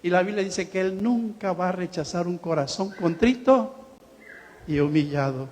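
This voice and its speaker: A man's voice: sits high, moderate pace, darkish tone. A man preaching a sermon in a church hall, acting out the quotes he tells and laughing now and then. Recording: long hall reverb.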